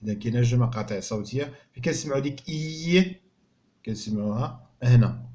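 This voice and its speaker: Man, Moroccan accent, primary school teacher, slow sounded-out words, quick explanations, mid-pitched. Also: warm tone. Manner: sounds out French words slowly and clearly, then explains quickly. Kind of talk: French reading lesson explained in Moroccan Arabic.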